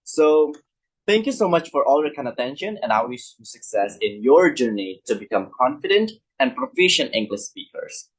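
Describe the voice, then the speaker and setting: A young man presenting a scripted English lesson, explaining points clearly and speaking directly to his viewers. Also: medium pitch, normal speed, poor audio. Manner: lively, instructive, addresses viewers directly. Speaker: student presenter teaching English.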